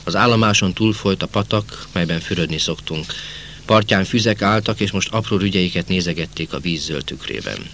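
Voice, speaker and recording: A man's voice: deep voice, animated, fairly bright tone, slight background noise. Man reading a novel aloud. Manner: measured first-person storytelling. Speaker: audiobook narrator.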